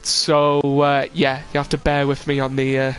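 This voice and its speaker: At normal speed and with a completely flat delivery, a young man with a medium-pitched voice commentates a sim racing live stream. He has a sniffly cold and keeps things casual, rambling along with many fillers.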